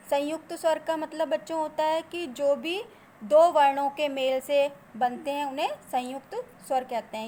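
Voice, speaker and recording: A woman teacher explaining grammar to children, asking them questions and answering them herself, and drawing out example sounds slowly. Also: high-pitched, mellow, a little hiss or hum.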